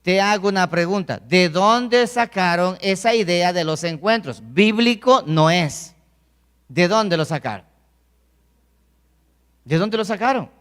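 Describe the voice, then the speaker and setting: A man's voice: high voice, animated, measured pace, long pauses, fairly bright tone, smooth, long reverb tail. A male pastor preaching a sermon, pressing his point with rhetorical questions and repeated phrases.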